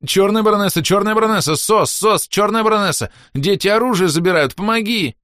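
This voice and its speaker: A man's voice: high-pitched, fairly quick, a bit bright, no room sound, studio quality, voice pushed up. A man voicing a cowardly male spy and assassin who wheedles and pleads frantically in an audiobook. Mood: panicky pleading.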